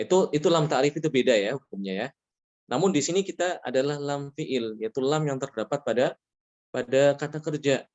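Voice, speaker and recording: A man teaching a Quran recitation lesson, explaining rules patiently, checking in with frequent "ya" and chanting Arabic examples slowly. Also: medium pitch, darkish tone, muffled recording. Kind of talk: religious lesson on tajweed rules.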